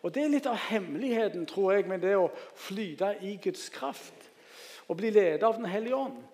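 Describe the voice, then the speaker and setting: A man preaching with a high voice that rings out through a church, its reverb trailing long after each phrase. His delivery is lively and joking, and he keeps calling on the congregation to answer. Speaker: guest preacher. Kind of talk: sermon.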